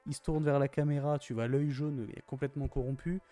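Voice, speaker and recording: A man's voice: mid-range voice, steady tone, fast talker, warm tone, soft background music. A young man gushing in a casual, slangy film review, often repeating his exclamations. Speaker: YouTuber reviewing films.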